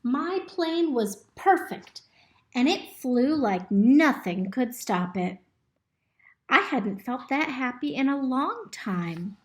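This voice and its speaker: Slow-paced woman reading to children, roomy sound. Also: high-pitched. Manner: expressive, instructive, speaking simply to children. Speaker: storybook reader. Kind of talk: reading a picture book aloud to young children, pausing to ask questions. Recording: roomy, echoey indoor recording.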